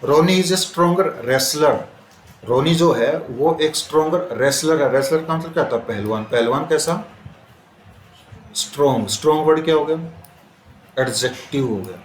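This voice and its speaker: A man teaching a classroom grammar lesson, repeating words slowly and quizzing his students as he explains. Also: a little high. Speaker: English teacher. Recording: roomy classroom with faint noise.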